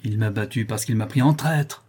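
A man's voice: on the low side, normal speed, darkish tone, husky. A man voicing a drunk, brutal young male bandit who snarls threats, reading a novel aloud. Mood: menacing.

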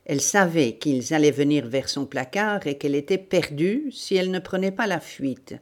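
A woman narrating a novel as an audiobook, in a measured, deliberate reading. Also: low voice, lively intonation. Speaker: audiobook reader.

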